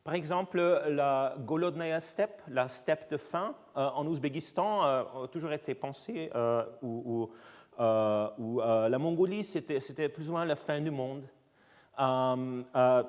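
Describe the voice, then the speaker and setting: Halting man lecturing in foreign-accented French. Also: medium pitch, a little mellow. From Austria. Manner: halting, searching for words in a non-native language. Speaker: visiting scientist giving a guest lecture. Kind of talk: academic lecture. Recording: lecture hall with long reverb.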